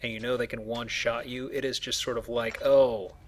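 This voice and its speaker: With game ambience and a little faint noise in the background, a gamer hosting a let's play keeps up casual, wry commentary. His mid-range voice stays level in tone and moves a little fast.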